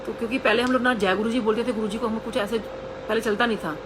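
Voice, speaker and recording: A woman's voice: a little high, fairly even intonation, fast, noisy background. A woman telling an earnest personal testimony to a congregation, acting out the voices of the people she quotes. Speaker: devotee sharing a testimony.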